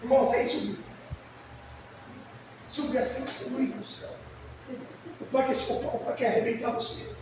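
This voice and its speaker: Middle-aged male pastor, very high pitch, lively sermon storyteller, recorded from afar in a reverberant church. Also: moderate pace, long pauses, background noise. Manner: lively storytelling with shouted peaks and hushed asides. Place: church hall. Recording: echoey church sound from far off.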